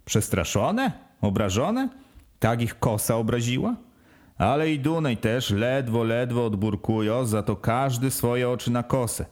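Male reader with a mid-pitched voice for an earnest first-person audiobook narration. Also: expressive, measured pace, darkish tone.

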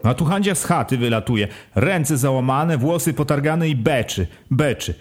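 A man's voice: medium pitch, expressive, normal speed, soft background music. A man reading an audiobook as a first-person storyteller, in an earthy, rustic folk style. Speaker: audiobook reader.

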